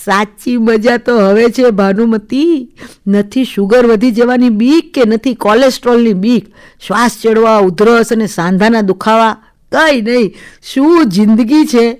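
Woman voicing a deep-voiced old husband's ghost. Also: smooth. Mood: teasing. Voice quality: deep, grinding, sweet voice. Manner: slow, teasing and scolding. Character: older husband's ghost speaking from a photo, gruff.

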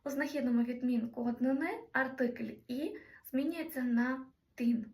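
Woman teaching grammar, slow careful examples. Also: sits high, fairly even intonation, a little mellow, roomy sound, far from the mic. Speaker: Greek language teacher. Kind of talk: explaining grammar in a lesson.

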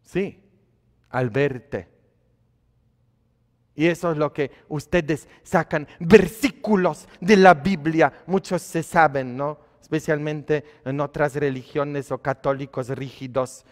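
A man, a priest, preaching a sermon in a conversational way, asking his congregation questions and shifting between quiet asides and loud emphatic lines. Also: on the high side, steady tone, slow. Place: church. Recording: long hall reverb of a church.

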